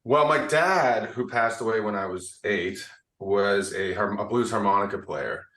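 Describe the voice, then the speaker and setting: A man from Canada, a singer-songwriter guest, talking in a thoughtful, unhurried way with frequent pauses and restarts. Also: fairly low pitch, a bit bright. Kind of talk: casual interview chat. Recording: roomy, distant from the mic.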